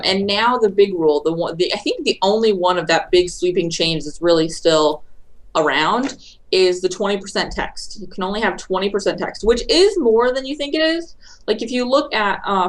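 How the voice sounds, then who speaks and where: A woman speaks as a podcast guest on social media marketing. Her voice sits somewhat low, and she explains things in a brisk, chatty flow that tends to ramble. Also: low-quality recording. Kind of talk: casual interview chat.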